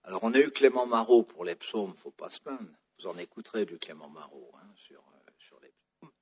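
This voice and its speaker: Low husky French lecturer. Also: male voice, animated, moderate pace. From France. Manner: digressive, full of fillers and restarts. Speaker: lecturer on the psalms. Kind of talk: classroom lecture.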